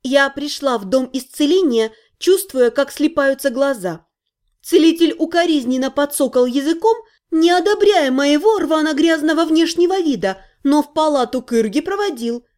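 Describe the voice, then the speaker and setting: A woman reading a first-person audiobook in an expressive way, playing up the heroine's emotions. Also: high-pitched, normal speed. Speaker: audiobook narrator.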